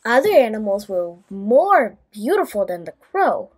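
In a mid-range voice, a woman reads a children's bedtime story aloud expressively and deliberately, speaking as host to young listeners.

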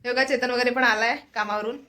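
A woman's voice: fairly high pitch, steady tone, quick pace, pushed and bright. A woman chatting to her viewers in a casual home vlog, filmed on a phone at home. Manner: chatty, addresses viewers as friends. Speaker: family vlogger.

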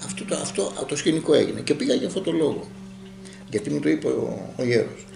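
A man's voice: a little high, animated, vocal fry, roomy sound, music in the background. A man telling a long story in casual group talk and acting out the dialogue as he goes.

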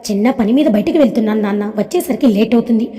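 A woman's voice: a little high, very fast, mellow, big-room sound, natural voice. A woman doing a protective, confident young man. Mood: calm. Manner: reassuring, firm.

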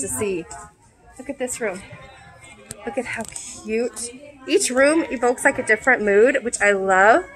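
A woman's voice: a little high, rough recording. Gushing woman vlogging through a store. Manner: gushing, enthusiastic, addresses viewers directly. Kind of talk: casual shopping vlog narration. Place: large furniture store indoors. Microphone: handheld camera or phone, walking.

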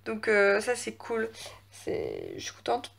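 A woman's voice: medium pitch, wildly swooping pitch, slow pace, vocal fry. A teenage girl, chatting casually in a home vlog, rambling with lots of fillers and hesitations. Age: teens. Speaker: vlogger. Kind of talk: casual chat. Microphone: phone camera.

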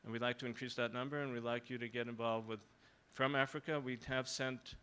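Bright, crisp older man on a panel. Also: medium pitch, level tone. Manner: measured, persuasive. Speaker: professor on a panel. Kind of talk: panel discussion. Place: conference stage, large hall.

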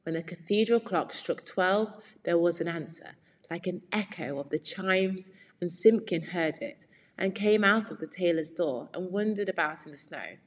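A woman reads a children's story aloud and stops to explain new words patiently, step by step. Her voice is fairly low for a woman. A long reverb hangs after her words. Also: moderate pace. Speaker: English teacher.

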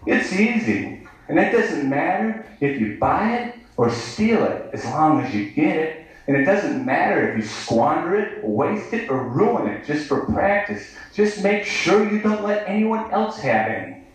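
At a live reading in an indoor bar, a thirtysomething American poet recites in a sardonic, declamatory style. His voice is on the high side, sing-song and unhurried. It's an echoey recording from a distant mic.

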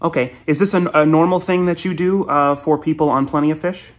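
A man's voice: a little high, steady tone, fairly quick, pitched above the performer's own voice. A man talking through a female voice changer on a phone call, posing as a polite female payment support agent who hesitates often with ums. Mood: fake-polite. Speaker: scam baiter on a prank call.

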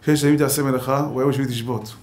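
A man's voice: medium pitch, steady tone, darkish tone. A man, a rabbi giving a Torah lesson, telling stories with acted-out quotes and jokes.

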